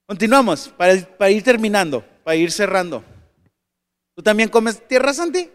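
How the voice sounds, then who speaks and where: A man speaking to a room of parents with an animated, conversational delivery. He keeps turning to the audience with questions and throws in quick jokes and asides. His voice sits high for a man. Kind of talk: motivational talk to an audience.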